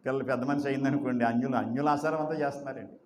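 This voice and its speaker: A man's voice: medium pitch, steady tone, very fast, echoey room, slight background noise. A man preaching a sermon as pastor, emphatic, asking rhetorical questions and drawing out repeated phrases.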